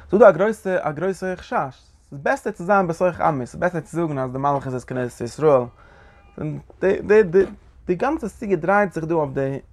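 A man teaching a Zohar lesson in an animated lecturing way, often asking his listeners short questions. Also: a little high, creaky. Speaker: Torah teacher.

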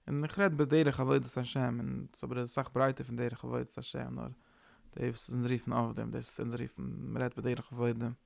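Gravelly man giving a rambling sermon. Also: medium pitch, fairly quick, hardly any pauses, no room sound. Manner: rambling, animated, mixing in English terms. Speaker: preacher. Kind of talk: informal Yiddish-tinged sermon.

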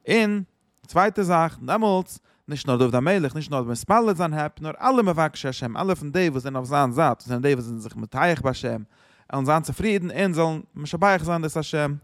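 A man's voice: fairly high pitch, expressive, brisk, no echo, clean studio sound. A man explaining a psalm chapter, quoting verses and translating them with many restarts. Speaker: Torah teacher.

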